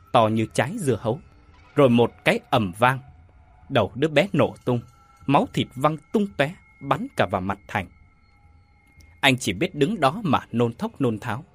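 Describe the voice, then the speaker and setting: A man narrating a horror story in an expressive, dramatic way. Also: mid-range voice, slightly rough.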